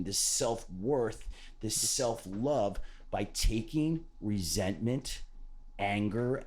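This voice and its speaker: With a mid-range, darkish voice, a man hosts a motivational podcast about loving yourself. He speaks earnestly but casually, repeats important phrases, swears occasionally, and is said by others to have a voice for radio.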